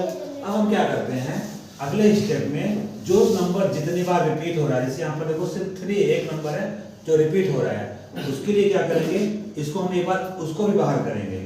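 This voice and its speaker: A man's voice: a little high, lively intonation, moderate pace, mellow. Man teaching maths in an echoey room. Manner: repeats key terms as questions and answers them himself. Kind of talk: classroom maths lesson. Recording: echoey room, mic far off, faint noise.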